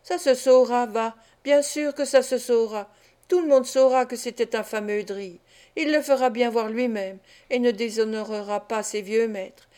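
A scheming old man, a receiver of stolen goods, gleeful and sly, who mocks and cackles as he talks, read by a woman in an audiobook. The voice sits a little high. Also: moderate pace, warm tone, close to an everyday voice. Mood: gloating. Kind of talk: audiobook character reading.

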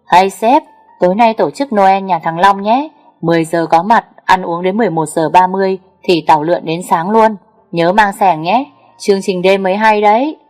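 A woman voicing a teasing young male friend on the phone in an audio story, joshing and loud. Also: medium pitch, normal speed, soft background music, lightly acted.

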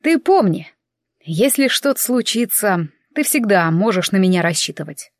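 A woman reading a gentle male elf. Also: medium pitch, big pitch swings, normal speed, no room sound, studio quality, close to an everyday voice. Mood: tender. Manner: soft, reassuring.

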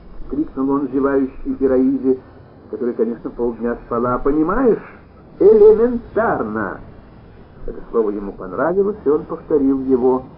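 A man narrating a literary story aloud in an expressive, animated reading style. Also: mid-range voice. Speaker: audiobook narrator. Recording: tinny phone-like sound, faint noise.

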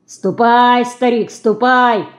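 A woman reader voicing a gruff male yard keeper who shouts and drives people away. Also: mid-range voice, very slow. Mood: angry.

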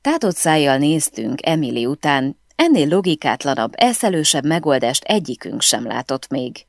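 Low-voiced woman narrating an audiobook. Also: creaky, no room sound, clean studio sound. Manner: expressive, storytelling delivery. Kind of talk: first-person audiobook narration.

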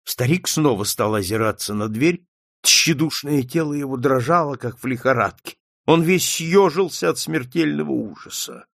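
Man narrating an expressive storybook. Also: medium pitch, moderate pace, gravelly, no echo, studio quality. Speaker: audiobook narrator.

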